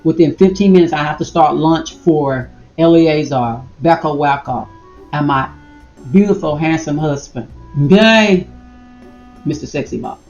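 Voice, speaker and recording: A middle-aged woman, chatting casually to her viewers as she browses and reacts out loud. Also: deep voice, measured pace, muffled recording. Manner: animated, exclaims and talks to viewers as y'all. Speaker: vlogger. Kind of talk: casual vlog commentary while browsing online. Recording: echoey room with faint music.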